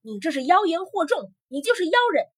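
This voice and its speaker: A man's voice: big pitch swings, normal speed, slightly rough, exaggerated voice. A woman voicing a greedy, furious old male emperor who bellows his orders, in a storybook tale. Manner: loud, booming and bullying.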